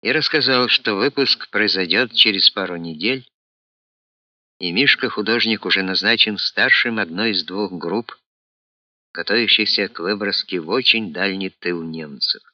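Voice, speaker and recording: A man narrating an audiobook in a steady, matter-of-fact way. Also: lowish voice, moderate pace, no room sound, highs cut off.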